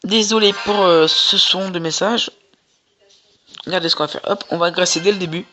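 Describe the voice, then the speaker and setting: A gamer doing casual, slangy, exclamatory live commentary on gameplay, with a mid-pitched voice. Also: fairly even intonation, normal speed, noisy background. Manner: informal, slangy, exclaiming at plays. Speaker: gaming video creator. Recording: music behind the voice. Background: music.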